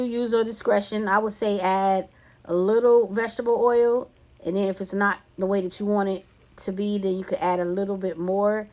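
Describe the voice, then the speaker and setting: A woman from California talks viewers through a homemade candy recipe in a relaxed, chatty way. She rambles a little and calls her audience "y'all" and "you guys." Her voice sits at an ordinary middle pitch. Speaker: cooking vlogger. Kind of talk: casual cooking tutorial.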